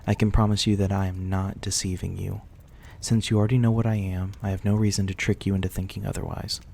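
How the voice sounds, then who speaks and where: This man plays a courteous vampire who keeps to himself and appears young, offering soft, reassuring words in a politely antiquated manner for an intimate ASMR roleplay. The low-pitched voice stays level and fast, with a creaky texture and a soothing mood.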